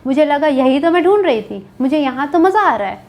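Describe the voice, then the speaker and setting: A woman's voice: high-pitched, lively intonation, a little fast, darkish tone. A young woman talking casually and candidly to students, mixing in English words and often checking in with "right?". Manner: candid, chatty, mixes English words into speech, keeps asking "right?". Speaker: coding educator on a video channel. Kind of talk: casual advice talk to students.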